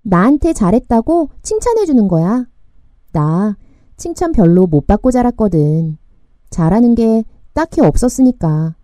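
A woman's voice: on the high side, very animated, a little slow, dark tone, no echo, clean studio sound. A woman reading as an earnest teenage girl. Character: teenage girl, hopeful, shy about praise.

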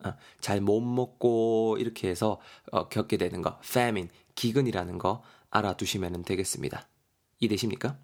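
A man's voice: on the low side, normal speed. A man, teaching English vocabulary in a playful, jokey online lesson.

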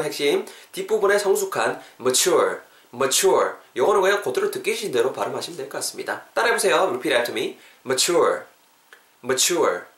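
A man hosting a casual language lesson podcast, drilling phrases slowly and repeating them. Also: on the high side, a bit bright, reverberant, distant mic. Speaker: English teacher, podcast host.

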